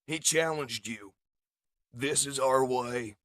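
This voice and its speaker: A man's voice: mid-range voice, slow pace, a bit bright, dry recording, studio quality, pitched above the performer's own voice. A man doing a blunt robot soldier. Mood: stern. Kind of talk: comic dub narration.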